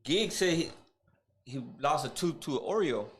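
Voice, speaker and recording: A man's voice: fairly high pitch, animated, normal speed. A man making short, slangy remarks in a casual chat.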